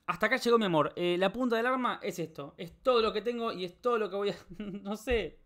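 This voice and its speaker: A man's voice: sits high, brisk, a bit bright. A young man with a Rioplatense Spanish accent, chatting casually on a live stream while he solves a puzzle, rambling, joking and swearing. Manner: rambling, joking, swears a lot, talks to chat.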